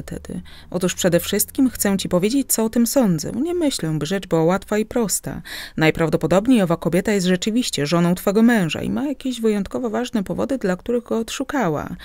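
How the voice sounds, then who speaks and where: A sly, worldly middle-aged uncle, read by a woman who talks down to his niece in smooth, patronizing tones. The voice is mellow and dark-toned, set in a dry, close audiobook recording. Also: medium pitch, no room sound, natural voice. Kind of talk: audiobook character reading.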